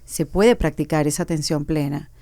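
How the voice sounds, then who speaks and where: A woman's voice: deep voice, steady tone, moderate pace, vocal fry, dark tone, dry recording. A woman hosting an interview, conversing casually and affirming her guest. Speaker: host.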